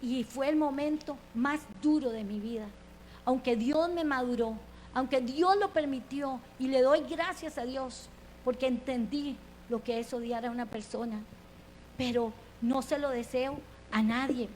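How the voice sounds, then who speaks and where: Woman preacher, high voice, gets worked up acting out the story, asks the crowd straight questions, faint hum. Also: a little slow, a little mellow, poor audio. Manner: impassioned, acts out quoted characters with rising pitch; asks the congregation direct questions. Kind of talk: sermon.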